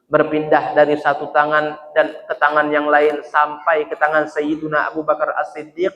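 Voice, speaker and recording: A man's voice: fairly high pitch, completely flat delivery, normal speed, fairly bright tone, lo-fi sound. A male preacher with a Palembang accent, telling a story in a sermon and addressing the congregation directly. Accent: Palembang Malay. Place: mosque hall. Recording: echoey mosque hall reverb.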